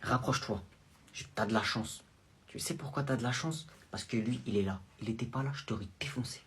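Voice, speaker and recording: A man voicing a stern, furious mother who scolds her son in a low, menacing tone, in a comedy sketch. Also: lively intonation, moderate pace, a bit bright, breathy edge.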